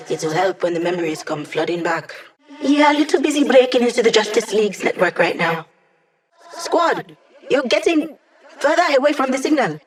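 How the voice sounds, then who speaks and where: A woman's voice: a little high, lightly acted. An actress voicing a snarky young female hacker in a video game, talking in a casual, wry, sardonic way. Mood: urgent, focused.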